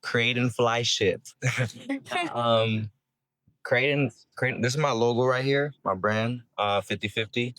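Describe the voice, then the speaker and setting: A man's voice: mid-range voice, expressive, slow pace, a bit bright. A man from Massachusetts, a musician with his own brand, talking in a laid-back, slangy way and swearing casually. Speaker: musician and clothing brand creator. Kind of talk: casual interview answers.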